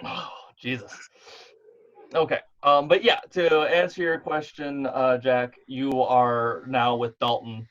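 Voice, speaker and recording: Running a tabletop game via an online call, a male game master narrates in a relaxed manner, reasoning aloud along the way. He talks slowly at medium pitch in a steady, slightly bright tone, and the call audio is dull and lo-fi.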